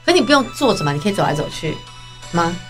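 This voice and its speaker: A woman co-hosting a podcast, chatting with frequent laughs and gentle scolding. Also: lowish voice, very animated, fast talker, soft background music. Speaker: podcast co-host. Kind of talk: casual chat.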